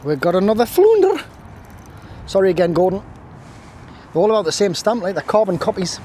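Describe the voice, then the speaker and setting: A man's voice: high-pitched, big pitch swings, a little fast, dark tone. A man chatting casually to camera while fishing outdoors on a windy riverbank, full of jokey, self-mocking asides. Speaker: angling vlogger. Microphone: camera on a stand, at times stepping away.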